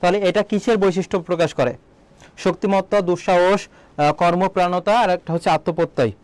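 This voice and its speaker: A man teaching an online exam-prep lesson, asking students questions, answering them himself and repeating key words slowly. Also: high voice, steady tone, darkish tone, no echo. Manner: quizzes students, then answers his own questions. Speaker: admission exam tutor.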